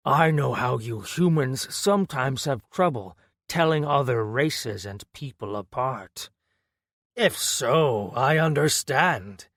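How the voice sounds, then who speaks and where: A man voicing a smug, gravelly female orc. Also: medium pitch, lively intonation, a bit bright, no room sound, clean studio sound, heavily acted. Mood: smug, condescending. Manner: slow, gravelly, falsely polite. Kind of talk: audiobook character voice.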